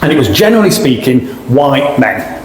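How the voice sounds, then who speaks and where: Middle-aged Sheffield man, podcast guest, halting restarts, long room echo. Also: medium pitch, sing-song, darkish tone, a little hiss or hum. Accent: Sheffield English. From England. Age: 40s. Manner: frequent restarts and repeated words. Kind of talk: casual interview. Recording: echoey room with faint ambience.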